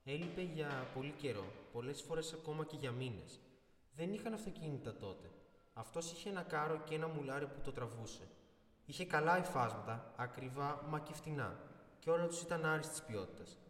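A man's voice: a little high, animated, fairly bright tone, in a large hall. A man narrating a folk tale expressively, with occasional small restarts. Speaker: storyteller.

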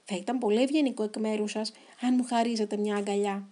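A woman's voice: medium pitch, steady tone, mellow, natural voice. A woman voicing a small, lonely, spiky male creature in a storybook reading, asking politely and pleading. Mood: gentle.

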